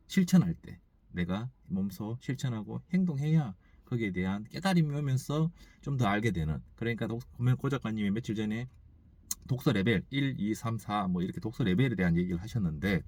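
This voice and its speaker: Low-voiced man musing aloud. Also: darkish tone, dry recording. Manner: musing and halting, thinks aloud with frequent restarts. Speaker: store owner. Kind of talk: reflective morning monologue.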